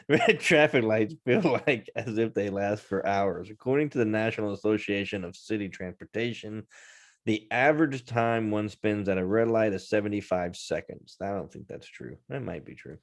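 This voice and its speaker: A man's voice: lowish voice, moderate pace. A man co-hosting a podcast in casual chat, laughing often, teasing and swearing. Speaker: podcast co-host.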